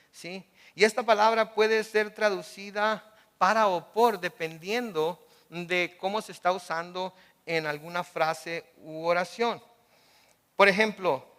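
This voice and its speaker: A man preaches a sermon at a church service, his voice a little high and very bright. He asks his listeners questions and answers them with homely examples. A long reverb from the large room trails behind his words. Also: smooth. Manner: explains by asking the congregation and answering with everyday examples. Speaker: pastor.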